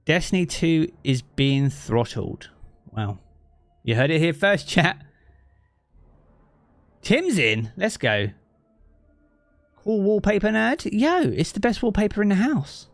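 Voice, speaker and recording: A high-voiced, very animated man speaks slowly with long pauses as he streams games from his living room. He has a southeast English local accent and chats easygoingly with his audience, reading chat aloud and thinking aloud with many fillers. He uses a streaming mic with effects, and there's no room sound.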